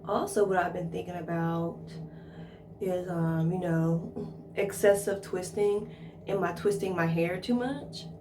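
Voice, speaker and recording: Her voice on the low side, steady and unhurried, an American woman chats with viewers while demonstrating in an informal hair care tutorial, thinking aloud as she goes. There's background noise, and the distant mic adds a roomy echo.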